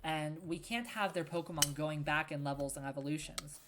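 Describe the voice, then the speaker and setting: Young woman game dev, low voice, chatty, easily sidetracked commentary. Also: fairly quick, noisy background. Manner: chatty, wandering, answers chat. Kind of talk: casual let's-play commentary.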